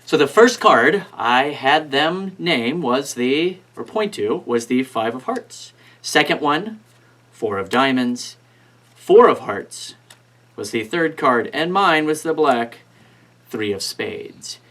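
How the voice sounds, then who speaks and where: Male magician, mid-pitched voice, instructional card-trick patter, casual and step-by-step, talking to volunteers. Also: lively intonation, takes it slowly, fairly bright tone.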